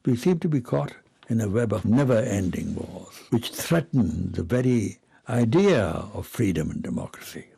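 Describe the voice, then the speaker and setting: A very old man of over a hundred from British India, with a gravelly, husky voice, reminiscing haltingly in an interview. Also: fairly low pitch, lively intonation, warm tone. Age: 104. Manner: halting, with repeated words. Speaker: Second World War veteran interviewee.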